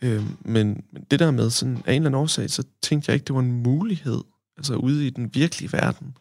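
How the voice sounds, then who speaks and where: A man's voice: medium pitch, gravelly, darkish tone, dry recording. A man from Denmark, a podcast guest, telling a long story in casual chat, rambling with many fillers and tag questions.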